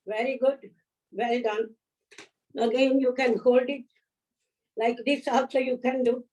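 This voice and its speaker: A woman leading a yoga class, giving gentle, unhurried instructions, counting holds and offering encouragement. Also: fairly high pitch, level tone. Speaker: yoga teacher. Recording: voice from a distance off the mic.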